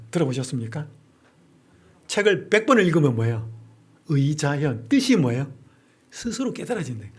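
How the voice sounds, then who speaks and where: Husky, fairly high-voiced male pastor lecturing. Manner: drills the audience with rapid question-and-answer; asks and answers his own rhetorical questions. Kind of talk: Bible-study lecture.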